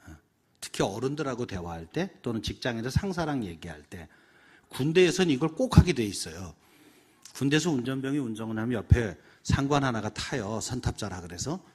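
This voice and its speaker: Animated husky middle-aged seminar speaker man. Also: mid-range voice, fairly quick. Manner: animated, acts out examples in voices. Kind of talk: seminar lecture.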